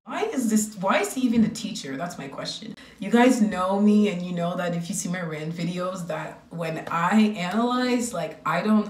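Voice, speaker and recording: A woman's voice: medium pitch, a little mellow, roomy sound, distant mic. A young woman YouTuber ranting bluntly and laughing as she gives her honest opinion in a casual vlog. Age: young adult. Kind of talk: casual rant video.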